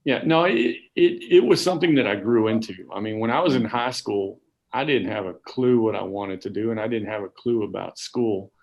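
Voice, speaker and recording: A man's voice: lowish voice, brisk, muffled recording. A man in his forties, an assistant principal, telling rambling, self-deprecating stories on a casual podcast with plenty of fillers. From Garland, Texas.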